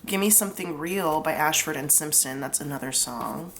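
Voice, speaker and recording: A young woman with a cold-stuffed nose reads tarot in a relaxed, chatty way, filling her explanations of each card with "like." Her voice is low and at a normal speed, with slight background noise.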